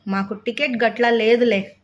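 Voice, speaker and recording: A woman's voice: a little high, steady tone, normal speed, dull audio, voice pushed up, natural voice. A woman voicing a humble, pleading poor village man from the countryside, who speaks deferentially.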